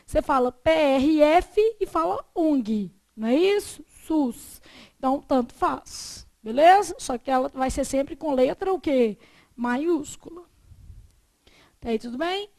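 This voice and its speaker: A woman's voice: sits high, expressive, unhurried, darkish tone. A woman Portuguese teacher, giving a frank classroom grammar lecture. She leaves sentences open with "o quê?" for students to finish and checks in with "beleza?".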